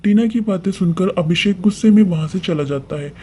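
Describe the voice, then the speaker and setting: A man narrating a story in a steady, plain way as storyteller. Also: high-pitched, fairly quick, husky.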